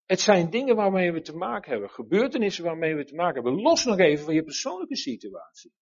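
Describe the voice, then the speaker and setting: A man preaching a sermon in an earnest, animated way, often restarting his sentences. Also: sits high, fast talker, breathy edge, muffled recording.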